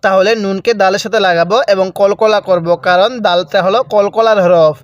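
A man teaching Quran reading, slowly drawing out example words and then explaining the rules. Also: sits high, fairly even intonation, smooth, no echo, highs cut off. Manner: slow drawn-out recitation of example words, then brisk explanation. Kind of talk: recitation lesson, spelling out words.

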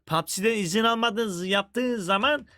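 High bright-voiced foul-mouthed streamer man. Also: a little slow, no room sound. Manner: crude, profane, joking banter. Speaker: game streamer. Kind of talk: casual livestream chat.

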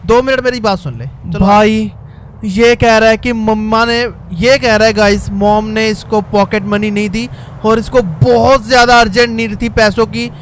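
A young man with a very high voice gives excitable gameplay commentary and keeps breaking into mock-angry shouts. Faint game sounds and traffic hum behind him. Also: normal speed. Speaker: gaming channel host. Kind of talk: Hindi let's-play commentary.

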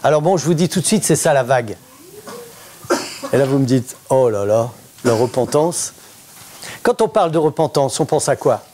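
A middle-aged pastor preaching a sermon in church, lively and conversational, often asking the congregation questions. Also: male voice, on the high side, brisk, pauses often, slight background noise. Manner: interactive, asks the congregation questions.

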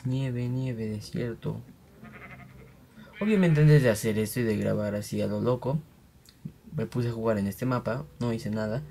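Mellow young man rambling. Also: medium pitch, creaky, slight background noise. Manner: rambling and chatty, voices digging sounds aloud. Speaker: gaming channel host. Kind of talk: casual gameplay commentary.

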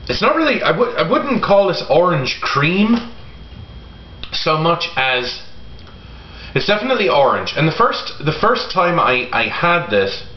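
Echoey, halting middle-aged man reviewing casually. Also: a little high, big pitch swings. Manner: halting, pausing often. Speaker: product reviewer. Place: home kitchen, indoors. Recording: roomy echo, dull sound, faint noise.

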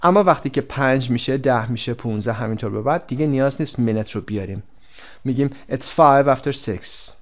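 Guy going through a textbook lesson, says example phrases slow and careful, rushes the explaining. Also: medium pitch. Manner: switches between quick explanations and slow, stretched-out example phrases. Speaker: English teacher.

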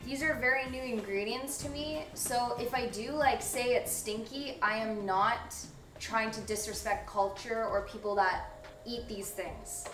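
A young woman with a fairly high voice hosts a casual cooking stream from her home kitchen, chatting and giggling with viewers through fast, rambling asides. A fixed camera's room mic picks her up from a distance, so the kitchen sounds echoey, with background music playing.

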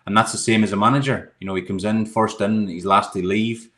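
A middle-aged Irishman who works as a goalkeeping coach answers the hosts' questions casually over a video call from a room in his home. His voice is fairly low and a bit bright, with a steady tone, and he talks quickly. He rambles a little, repeating words and leaning on "you know."

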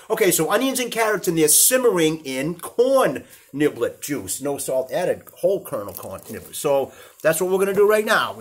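Older man, home cooking vlog, rambling and chatty, chuckles often, slightly high-pitched voice. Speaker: cooking channel host. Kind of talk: casual cooking vlog chat. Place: small apartment cooking area, indoors.

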